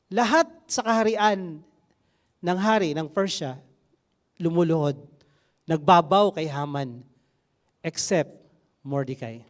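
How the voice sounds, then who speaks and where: A man preaching a sermon, telling a story with energy, asking the congregation rhetorical questions, and switching between everyday talk and scripture reading. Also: sits high.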